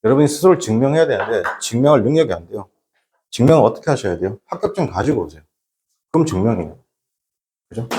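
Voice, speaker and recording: A man's voice: medium pitch, warm tone, slight background noise. A man lecturing a class on exam English, blunt and scolding, who keeps throwing rhetorical questions at his students. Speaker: English lecturer for transfer exams.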